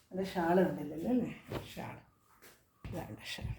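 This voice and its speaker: A woman with a Kerala Malayalam accent and a slightly hoarse voice from a cold, chatting casually as she shows clothing for sale. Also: deep voice, measured pace, echoey room, noisy background. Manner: chatty, repeats prices and sizes. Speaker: clothing seller. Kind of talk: casual product showcase.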